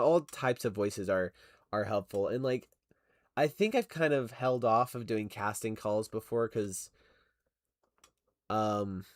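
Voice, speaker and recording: A young stop-motion streamer rambles as he animates, reading chat, laughing often, and peppering his talk with fillers and self-corrections. His voice is lowish, and the audio is clean studio sound without any room sound.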